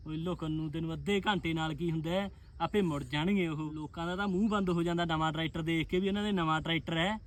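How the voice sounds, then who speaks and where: Fast-talking bossy man in a comedy skit. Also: on the high side, fairly even intonation. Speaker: comedy sketch actor.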